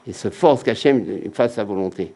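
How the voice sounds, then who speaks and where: Man, rabbi, religious lecture, emphatic, repetitive, warm low tone. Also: normal speed. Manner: emphatic, repetitive, acts out quotes in raised voice.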